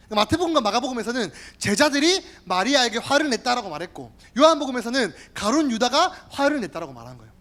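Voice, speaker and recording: Animated youth pastor preaching. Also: mid-range voice. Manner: animated, addresses listeners directly, repeats key words. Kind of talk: sermon.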